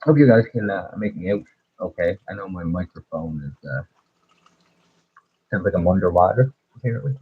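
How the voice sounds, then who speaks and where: Low muffled man, like through a wall. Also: lively intonation, moderate pace, pauses often, slightly rough, dry recording. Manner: laid-back, trailing off with fillers. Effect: muffled voice, as if through a wall or underwater. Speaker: streamer co-host. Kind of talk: casual livestream chat. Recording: muffled lo-fi earbud mic.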